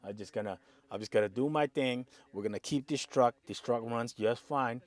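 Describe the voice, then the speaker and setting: A man who drives his own truck, talking casually and excitably through auction prices, often saying "man" and chuckling. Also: mid-range voice, moderate pace. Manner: animated, excitable, peppers talk with "man" and chuckles. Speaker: owner-operator truck driver.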